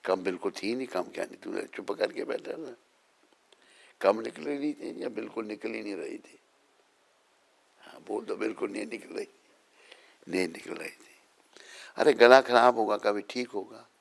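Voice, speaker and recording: Older-sounding swami, low and slow, gravelly; sermon with chanted prayers. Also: male voice. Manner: storytelling, chiding listeners, chanting prayers. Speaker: swami giving a morning lecture. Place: temple gathering.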